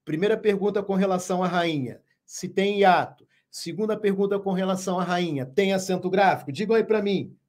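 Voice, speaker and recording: A man teaching a live online grammar lesson, speaking slowly and emphatically, repeating key words and asking viewers questions. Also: high-pitched, a little mellow. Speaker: Portuguese teacher.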